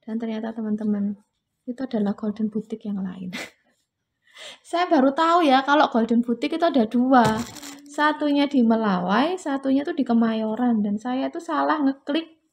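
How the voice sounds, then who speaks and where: Woman, fairly high voice, a bit husky, chatty vlog storytelling. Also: moderate pace. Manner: chatty, addresses viewers as friends, acts out dialogue. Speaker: vlogger. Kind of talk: casual storytelling while dyeing hair.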